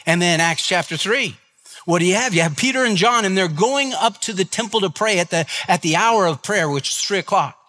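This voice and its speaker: A man's voice: high voice, expressive, a little fast, sharp tone, big-room sound. A man preaching a sermon as a pastor, retelling a story with emphatic repetition.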